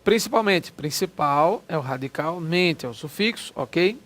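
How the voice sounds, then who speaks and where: A man's voice: fairly high pitch, animated, a bit bright, a little hiss or hum. A man explaining exam grammar questions, stretching key words and checking in with listeners often. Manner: explanatory, drawn-out stressed words, frequent "né?" checks. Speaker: Portuguese grammar teacher. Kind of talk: exam-prep lecture walking through test questions.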